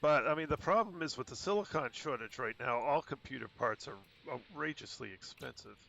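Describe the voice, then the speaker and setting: A man's voice: medium pitch, fairly quick, creaky, a little hiss or hum. A man streaming a space game, chatting casually with friends and calling out ship commands. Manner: relaxed, calls out game commands. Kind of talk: casual gameplay chat.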